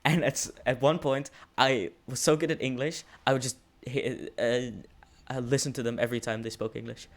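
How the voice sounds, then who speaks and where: A man's voice: mid-range voice, fairly even intonation, normal speed. A teenage man from the Netherlands with a Dutch accent, chatting casually in English with many hesitations and restarts. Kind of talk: casual chat.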